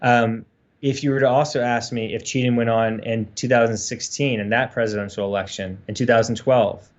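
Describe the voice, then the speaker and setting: A man's voice: medium pitch, steady tone, a little fast, muffled recording. A man co-hosting a casual livestream chat, rambling earnestly with many fillers. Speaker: co-host.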